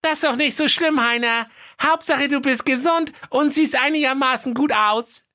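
A woman's voice: high voice, normal speed, sharp tone, no echo, clean studio sound. A woman voicing a cheeky young fairy-tale maiden in a sassy, mocking way. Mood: teasing.

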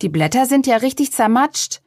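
A woman voicing an excited young boy, one of twins, in a storybook reading, calling out his words. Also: medium pitch, measured pace, no room sound, studio quality.

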